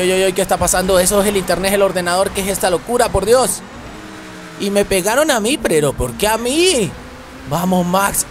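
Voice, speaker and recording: High-voiced excitable young man commentating a race. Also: background noise. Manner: excitable, repeats phrases, yelps when crashing. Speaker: gaming channel host. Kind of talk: excited racing game commentary.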